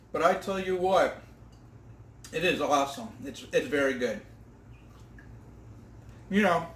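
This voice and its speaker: A man's voice: sits high, a bit bright, roomy sound. A man hosting an outdoor cooking vlog, tasting his fried fish with enthusiastic exclamations. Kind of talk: casual eating vlog.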